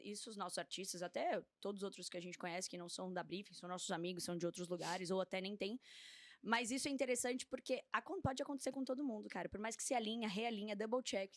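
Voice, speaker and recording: A woman's voice: medium pitch, dry recording. Chatty woman from São Paulo. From São Paulo state, Brazil. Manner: chatty, agreeable, quick interjections. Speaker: podcast host. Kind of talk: casual podcast chat.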